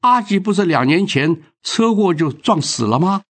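A man's voice: high-pitched, animated, normal speed, voice pushed up. A man voicing a newly posted male police officer who asks questions in a polite, inquiring way. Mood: puzzled.

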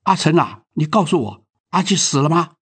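A woman's voice: low-pitched, lively intonation, moderate pace, breathy edge, exaggerated voice. A man voicing a frail elderly grandmother who lives alone, speaking in an anxious, pleading way.

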